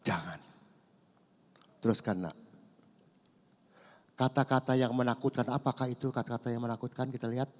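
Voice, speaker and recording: Older pastor preaching in a reverberant church. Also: male voice, medium pitch. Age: over 50. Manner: conversational, mixes in Javanese words, swings between loud and hushed. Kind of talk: sermon. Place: large church hall. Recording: long church hall reverb.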